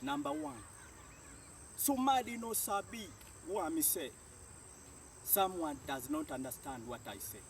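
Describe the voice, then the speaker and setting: This male language teacher, Jamaican-accented, pronounces phrases and then translates them, repeating often. His slightly high voice is expressive and measured, with long pauses, and the distant mic catches faint noise from outdoors.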